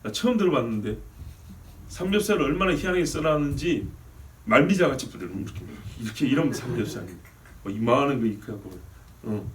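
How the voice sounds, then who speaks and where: A man's voice: medium pitch, brisk, far from the mic, a little hiss or hum. A male pastor preaching a sermon, telling stories and often asking the congregation questions. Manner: animated storytelling with questions to the congregation. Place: church sanctuary.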